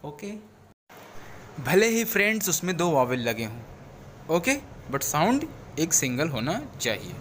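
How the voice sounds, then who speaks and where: A male teacher walks through a video lesson. His voice sits a little high and he repeats points patiently. A faint hiss runs under the recording. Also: sing-song, a little slow, pauses often, a bit bright. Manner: explanatory, repeats points, mixes English phrases into Hindi. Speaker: English teacher.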